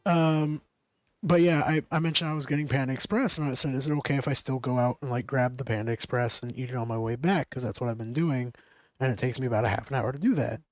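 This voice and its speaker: A man's voice: mid-range voice, fast, dry recording, poor audio. A man chatting casually on a stream, rambling and swearing freely with frequent laughs. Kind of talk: casual chat.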